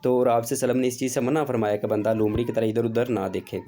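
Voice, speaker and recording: A man gives a religious lesson in a mellow, warm voice. He talks informally and repeats himself, leaning on fillers as he explains. His pitch sits in an ordinary middle range. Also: fairly even intonation, fast, slight background noise. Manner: informal, repetitive, with many fillers. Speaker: religious teacher.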